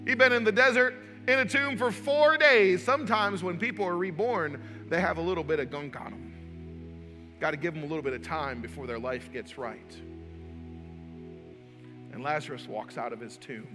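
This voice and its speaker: A male pastor delivering a sermon in a dynamic style, swinging between loud and hushed, with folksy joking asides. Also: a little high, moderate pace, big-room sound, music in the background.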